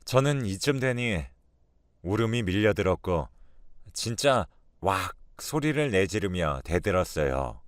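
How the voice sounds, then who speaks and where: A man reads a first-person radio story in a low voice that stays animated as he tells it. His manner is weary and resigned. The recording is close and dry. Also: a little slow, dry recording.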